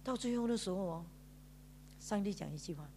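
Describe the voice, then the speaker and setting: Woman pastor, Malaysian Mandarin accent, heartfelt testimony from the pulpit, drawn-out particles, medium pitch. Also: animated, dark tone, a little hiss or hum. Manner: storytelling with drawn-out sentence particles, mixing in English words. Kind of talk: emotional sermon testimony. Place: church.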